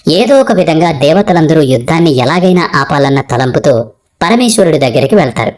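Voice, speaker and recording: A woman telling an old legend as scripted narration, with a dramatic, steady storytelling delivery. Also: sits low, brisk.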